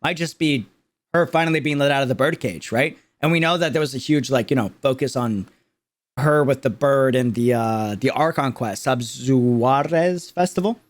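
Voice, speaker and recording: A streamer reacts to a game video in a mid-range voice at normal speed. His casual, emphatic livestream commentary is aimed at viewers, full of slang and words repeated for stress.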